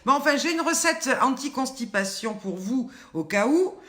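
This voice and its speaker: A woman's voice: high voice, animated, normal speed, pushed and bright. An older woman with a Southern French accent hosts a casual live cooking chat, joking and talking straight to her viewers by name. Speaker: online show host. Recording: roomy echo.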